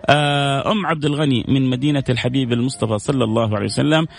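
A man's voice: mid-range voice, steady tone, very fast, creaky. A man hosting a call-in radio show, reading listener messages and answering with devout blessings. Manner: warm, devout, reads out messages and answers them with prayers. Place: radio studio. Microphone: studio microphone.

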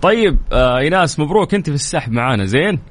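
A man's voice: on the high side, very animated. A man with a Saudi accent hosting a radio call-in quiz show, playful and teasing with callers. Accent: Saudi Arabic. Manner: playful, teasing, counts down quickly. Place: radio studio.

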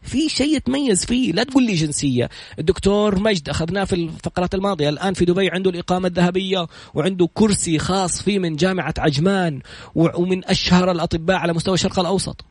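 A man with a Saudi accent telling stories in a motivational talk, retelling what others said with quick, animated delivery. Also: high-pitched, no echo. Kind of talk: motivational storytelling monologue.

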